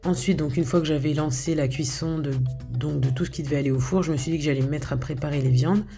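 A home cook shows off her recipes, talking casually over a video of her cooking while music plays behind her. Her voice is low and her pace quick, and she sounds hesitant, with plenty of filler sounds and restarts.

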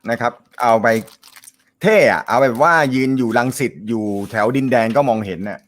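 A man with a loud, carrying voice runs a casual live show. He jokes, laughs often and chats his way through viewer comments. His pitch sits in an ordinary middle range. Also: fairly quick. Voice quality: naturally loud voice. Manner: joking, laughs often, chatty. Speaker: host of a snooker live show.

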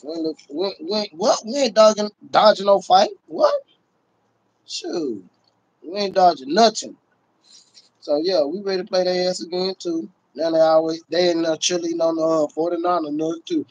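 A middle-aged man whose voice sits high and a little mellow speaks at a moderate pace on a sports livestream. As host and Cowboys fan, he chats in slang and swears, with catchphrases coming up again and again. A close phone in a small indoor room records him, and the highs are cut off.

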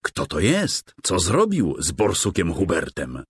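A man's voice: low voice, wildly swooping pitch, a little slow, slightly rough, no echo, exaggerated voice. A man voicing a brave, loyal young male gnome hero in a children's game, calling out eagerly. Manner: eager, exclaiming.

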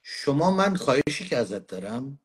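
A man's voice: mid-range voice, big pitch swings, breathy edge. A man as a guest in a live-stream conversation, insistent and often cutting in.

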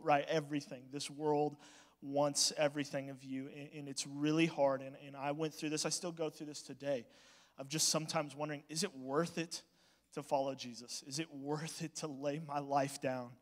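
A man speaking as youth pastor, giving a heartfelt, halting address to graduating students. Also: on the high side. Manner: emotional, halting, with frequent restarts. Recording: reverberant church hall.

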